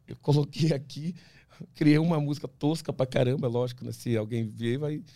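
Brazilian man telling stories, dark dry voice. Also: mid-range voice, normal speed, no echo. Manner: animated storyteller, many restarts, acts out quoted voices. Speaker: ultramarathon runner, podcast guest. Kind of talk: casual interview talk.

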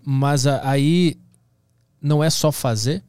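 A man's voice: fairly high pitch, takes it slowly, a little mellow, clear, resonant tone, no room sound. A man hosting a podcast who asks probing questions and plays devil's advocate. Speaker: podcast host. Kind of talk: casual interview questions.

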